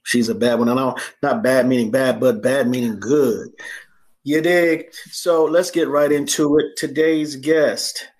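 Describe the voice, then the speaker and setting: A man's voice: mid-range voice, fairly even intonation, measured pace, darkish tone. A man hosting a casual interview show, joking, rhyming and repeating phrases for emphasis. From Harlem, New York. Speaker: podcast host.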